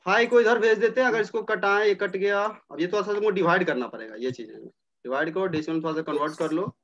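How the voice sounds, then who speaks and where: In an informal chemistry class, a man talks students through problems, repeating the numbers as he works them out. He speaks fast in a high, somewhat bright voice, and the audio is dull and lo-fi.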